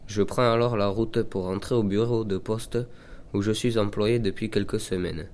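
An actor playing a young postman new on the job, narrating in a plain, measured first-person reading. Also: lowish voice, a little mellow, natural voice.

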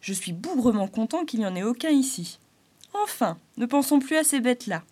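A woman's voice: fairly high pitch, lively intonation, fairly quick, dark tone, pitched above the performer's own voice. A woman voicing a cheerful male harlequin spirit bouncing on a spring, exclamatory and eager in a storybook reading. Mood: delighted.

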